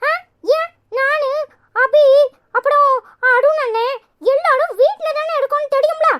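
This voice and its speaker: A shrill, stubborn little village girl. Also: fairly even intonation, a little slow. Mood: indignant. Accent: Kanyakumari Tamil. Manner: sharp, argumentative, sarcastic retorts. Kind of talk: cartoon voice acting.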